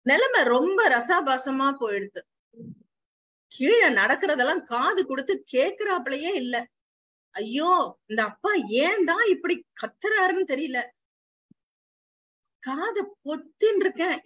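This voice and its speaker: A woman's voice: sits high, lively intonation, unhurried, fairly bright tone, no room sound. A woman voicing a male household dog who narrates the story anxiously, with frequent fretful cries in household speech. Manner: fretful exclamations, Brahmin Tamil household speech. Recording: slightly dull lo-fi recording.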